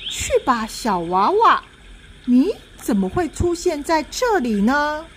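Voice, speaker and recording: A proud ghost general in a storybook, scornful and barking orders at his soldiers, as a woman narrator puts him on. He speaks slowly and with wide swings of pitch, over faint room noise. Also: very animated, fairly bright tone, exaggerated voice. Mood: puzzled. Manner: scornful, commanding. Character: haughty ghost general, adult male.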